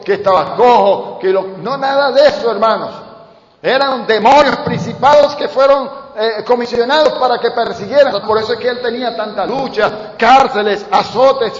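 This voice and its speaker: A pastor preaching with a high voice, moving between loud impassioned cries and hushed storytelling. The sound rings through a large hall with long echo and a muffled, dull tone. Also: male voice. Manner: impassioned preaching, swinging from shouts to quiet storytelling. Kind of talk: sermon.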